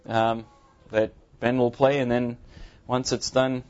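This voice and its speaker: A visiting pastor, a South African man in his thirties whose native Afrikaans lends his English a mild accent, delivers his testimony to a congregation from a church pulpit. His speech is earnest and halting, dotted with ums, with a medium pitch, a level, darkish tone, and muffled sound in the sanctuary.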